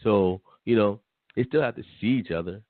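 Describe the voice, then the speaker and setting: Male podcast co-host, blunt, repetitive, lowish voice, dry tinny phone line. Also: normal speed, no echo. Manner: blunt, dismissive, repeats himself. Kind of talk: casual opinion chat.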